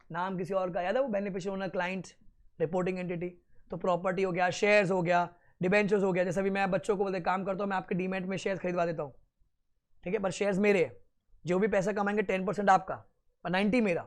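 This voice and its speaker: A young man giving an animated law lecture in a mix of Hindi and English with an Indian accent, slowing down to dictate notes and then rushing through asides. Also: high-pitched.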